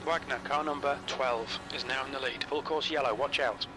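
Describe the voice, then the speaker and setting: A man voicing a calm race spotter and crew chief who gives terse pit radio calls in clipped, flat phrases. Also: medium pitch, normal speed, music in the background, lightly acted. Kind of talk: prerecorded game announcements. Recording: loud race engine noise. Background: racing car engines.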